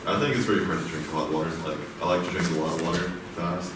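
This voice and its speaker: A young man student talking quickly and jokingly in a group discussion. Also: deep voice, fairly even intonation. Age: young adult. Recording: echoey room, distant mic, loud background noise.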